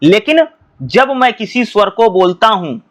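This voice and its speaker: A male teacher explains exam topics, posing questions and answering them himself, often repeating his points and calling students "bhai." His voice sits high, is a bit bright, very animated, and unhurried.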